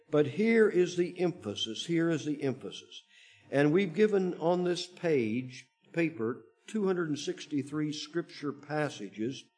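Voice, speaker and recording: A man preaching a Bible teaching to his congregation, speaking in halting phrases with frequent restarts and pauses. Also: fairly high pitch, darkish tone. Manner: slow, halting delivery with many restarts. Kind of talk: sermon-style Bible teaching.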